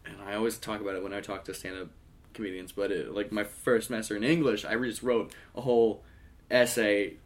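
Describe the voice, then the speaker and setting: A young man in his twenties, a comic and musician appearing as a podcast guest, talks casually in an upbeat, rambling way with lots of restarts. His voice is on the low side, brisk, with little pitch movement.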